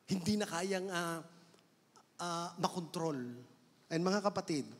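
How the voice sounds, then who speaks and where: In a church hall with long reverb, a man with a Filipino accent preaches a sermon, moving between Tagalog and English and drawing out words for emphasis. His voice sits high, with fairly even intonation and a slow pace.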